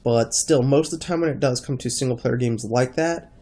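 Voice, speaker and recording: A man with a congested, stuffy-nosed voice talking casually in a rambling gaming vlog, halting as he thinks. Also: mid-range voice, warm tone. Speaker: gaming video creator.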